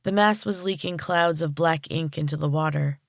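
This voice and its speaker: A woman podcast host narrating a storybook chapter in a calm, measured way. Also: low voice, creaky, no room sound, clean studio sound.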